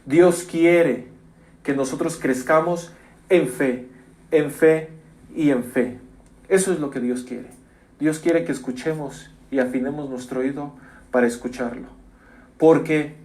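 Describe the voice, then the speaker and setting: Man, pastor, sermon, emphatic, repeats phrases, slightly high-pitched. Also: measured pace, long pauses. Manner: emphatic preaching with repetitions and sudden loud rises. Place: church.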